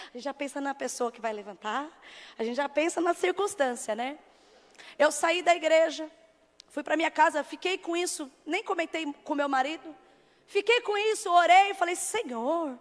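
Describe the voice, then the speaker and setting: A Brazilian woman missionary preaching a Pentecostal sermon, telling her story and acting out its dialogue with rising fervor. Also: extremely high pitch. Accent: Brazilian Portuguese. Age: adult with a teenage son. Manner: storytelling, acts out dialogue, builds to fervent shouting. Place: large church hall. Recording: long hall reverb from the church.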